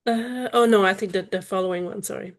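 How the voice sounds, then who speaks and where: A woman's voice: medium pitch, brisk. A woman joining a webinar chat over a video call, speaking tentatively and trailing off. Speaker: webinar participant. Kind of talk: casual chat.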